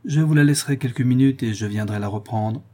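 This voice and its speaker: A man reading an audiobook, voicing a sinister male jailer who speaks gruffly and mockingly. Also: mid-range voice, a little fast, dark tone, close to an everyday voice. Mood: surly, mocking.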